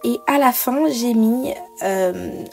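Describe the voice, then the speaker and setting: A woman's voice: fairly high pitch, takes it slowly, creaky, darkish tone, soft background music. A woman giving a chatty craft tutorial voice-over, explaining each step with frequent hesitations. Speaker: bullet journal creator.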